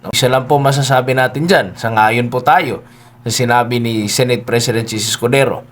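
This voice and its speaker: A man's voice: medium pitch, fairly even intonation, fairly quick. A man giving solo political commentary, speaking politely, with frequent hesitations, and often turning to his listeners with tag questions. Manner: keeps addressing listeners, tags lines with "no?" and "di ba?".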